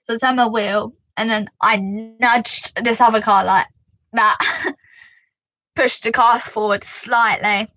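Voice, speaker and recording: A woman with a British accent telling a driving story to camera in a casual, animated way, full of "like" and "you know.". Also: a little high, slow, no echo, rough recording. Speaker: vlogger giving driving advice.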